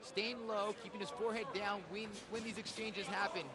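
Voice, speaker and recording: A man's voice: high-pitched, little pitch movement, a little fast. A man giving technical live MMA analysis in clipped phrases as a color commentator. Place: live fight event. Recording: clear crowd noise behind.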